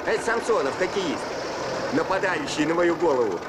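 A man's voice: fairly high pitch, animated, moderate pace, close to an everyday voice. An actor playing a chatty older construction foreman full of excuses in a Soviet film. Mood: eager, complaining. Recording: old film sound, loud machinery noise.

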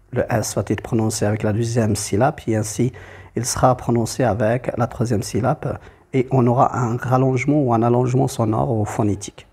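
A man's voice: mid-range voice, warm tone, slightly rough. A man teaching a poetry lesson, explaining step by step and repeating key terms.

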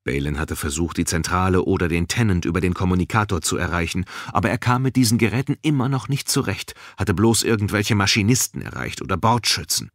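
A man reading a fantasy audiobook in a lively, expressive way. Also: low-pitched, a little fast, hardly any pauses, dry recording, clean studio sound. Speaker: audiobook narrator. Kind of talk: scripted audiobook narration.

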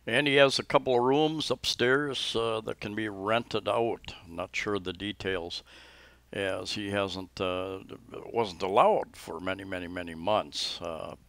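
A man's voice: lowish voice, a little slow, fairly bright tone, no echo. A man narrating a casual restaurant tour in an easygoing, hesitant way with many fillers, holding the camera. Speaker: vlogger touring a restaurant. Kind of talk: casual vlog narration and chat. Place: restaurant in the Philippines.

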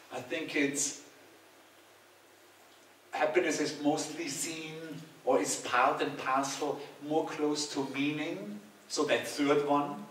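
A man, giving a relaxed, conversational talk and taking audience questions over a headset mic in a large hall. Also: fairly high pitch, far from the mic, a little hiss or hum. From Austria. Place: large bright hall with hard walls, indoors. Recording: echoey hall, speaker a bit off-mic.

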